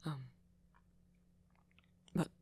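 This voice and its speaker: Slight background noise sits behind a British man acting out an ASMR boyfriend roleplay as a bashful, nervous young vampire. He stammers and halts, flustered and apologetic, his voice soft and breathy and often dropping almost to a whisper.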